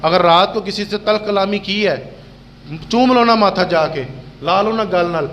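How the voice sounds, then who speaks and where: A middle-aged male preacher tells a religious story in an impassioned, chatty sermon style. His voice sits fairly high for a man. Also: fairly bright tone, slight background noise. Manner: impassioned, colloquial storytelling with acted quotes. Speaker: Islamic preacher.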